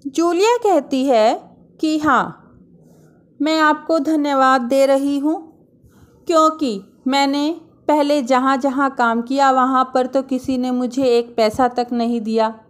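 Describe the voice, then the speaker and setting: A woman's voice: high voice, slow. A woman teacher reading a story aloud to her class, acting out the dialogue and then retelling it in simple words. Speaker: school teacher. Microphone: online class recording.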